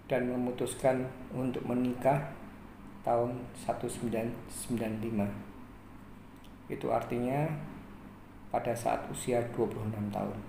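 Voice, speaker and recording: A man in his forties from Indonesia, hosting his channel and narrating his own life story in a measured way with frequent pauses. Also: mid-range voice, gravelly. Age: 40s. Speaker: channel host. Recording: echoey room, faint ambient noise.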